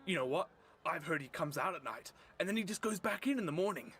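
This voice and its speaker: A man's voice: fairly high pitch, animated, fast talker, fairly bright tone, pitched above the performer's own voice. A man voicing a suspicious, conspiratorial gossip in a documentary skit. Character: gossiping rumor-monger spreading suspicions.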